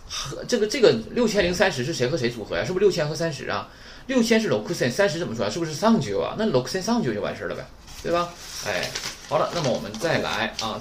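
Male language teacher, lively pitch, repetitive drilling delivery, faint background hiss. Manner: drills number words, constant "right?" check-ins. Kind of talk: recorded beginner lesson.

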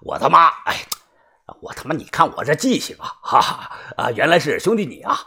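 Male narrator as a wheedling fat debtor, stammering and quick, husky tone, audiobook. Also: on the high side, very animated, pushed and bright, full character voice. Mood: fawning. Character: fawning stammering fat male shop owner in debt. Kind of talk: audiobook storytelling.

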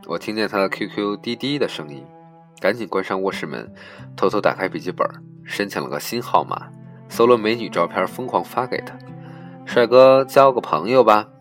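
Deep-voiced man reading a story. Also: lively intonation, brisk, fairly bright tone, faint music behind. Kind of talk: reading a humorous personal story aloud.

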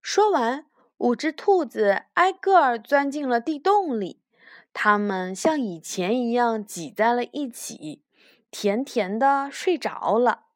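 A woman reading a children's picture book aloud with gentle, expressive narration. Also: fairly high pitch, takes it slowly, no room sound, studio quality. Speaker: children's storyteller.

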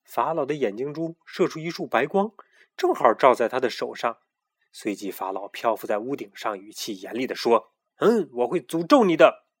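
一个男人在讲儿童故事，语气生动有表情。. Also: male voice, mid-range voice, normal speed, breathy edge. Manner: lively, expressive storytelling. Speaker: storyteller. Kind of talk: children's story narration.

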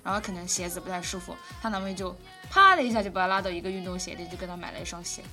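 A woman's voice: on the low side, very fast, bright, forceful tone, faint music behind. A young woman co-hosting a casual chat, handing out relationship advice in a conversational way. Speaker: co-host.

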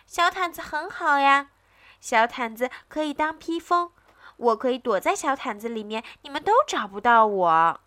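A woman's voice: sits high, expressive, normal speed, bright, forceful tone, voice pushed up. A woman voicing a little boy who clings to his old blanket, speaking with childlike insistence in a storybook reading. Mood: pleading.

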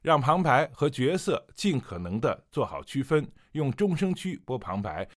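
A man teaching audiobook narration in a clear, explanatory way, driving home his main advice by repeating it. His pitch moves in a lively way through each sentence. The sound is close and dry, with no room around it. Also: dry recording. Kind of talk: voice-acting lesson.

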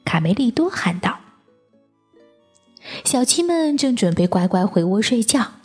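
A woman narrating a children's picture book in a soft reading voice. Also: fairly high pitch, sing-song, soft background music. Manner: slow, soft, breathy reading. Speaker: storyteller.

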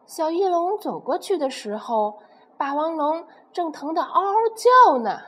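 High, lively woman reading a children's story. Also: a little slow. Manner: expressive, with sound words.

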